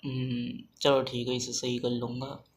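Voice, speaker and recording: A young man vlogging in a casual, rambling way, talking softly and hesitantly with many fillers. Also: medium pitch, monotone, a little slow. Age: young adult. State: speaking softly, kept quiet. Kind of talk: casual rambling vlog talk. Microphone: phone front camera. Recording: echoey room, faint background noise.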